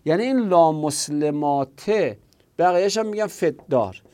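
A man's voice: on the high side, warm tone. Man teaching grammar, asking himself questions. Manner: asks and answers his own questions, repeating examples slowly. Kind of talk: Arabic grammar lesson.

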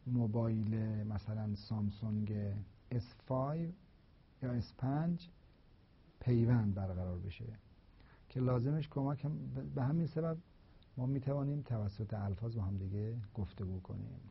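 A man delivers a philosophy lecture in a husky, slightly breathy voice. He works through each point slowly and deliberately, repeating examples to make them clear. The recording sounds dull and lo-fi. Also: mid-range voice, animated.

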